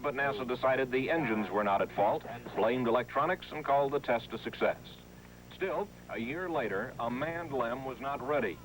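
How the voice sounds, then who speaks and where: American male correspondent, mid-pitched, scripted report narration, faint hum of an old 1960s broadcast. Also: rough recording. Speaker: TV news correspondent.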